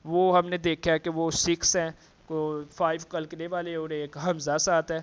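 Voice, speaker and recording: A man teaching Quran letter pronunciation, explaining slowly with many fillers and repeating the letter sounds to demonstrate. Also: fairly high pitch, little pitch movement, clear, resonant tone, dull audio. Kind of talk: tajweed lesson with demonstrations.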